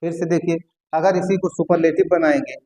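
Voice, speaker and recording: A man teaching an English grammar lesson, often repeating key words slowly as he writes them on the board. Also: fairly high pitch, steady tone, mellow, rough recording.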